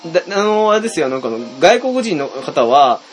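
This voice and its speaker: Guy co-hosting a chatty podcast, talks fast, tons of fillers, goofy shout bits. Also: a little high, big pitch swings, a little hiss or hum. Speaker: podcast co-host. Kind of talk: casual chat.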